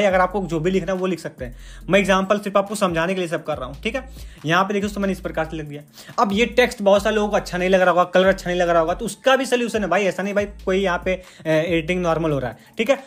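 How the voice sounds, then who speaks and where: A man's voice: sits high, fairly bright tone. A man talking through a phone editing app step by step in a chatty, repetitive way. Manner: chatty, repeats "dekhiye doston" and "bhai". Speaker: tutorial host. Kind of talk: screen-recorded app tutorial.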